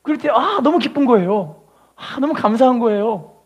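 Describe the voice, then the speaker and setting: A woman's voice: a little high, lively intonation, moderate pace, breathy edge, muffled recording. A middle-aged woman pastor telling a story in a sermon, acting out quotes and exclaiming hallelujah.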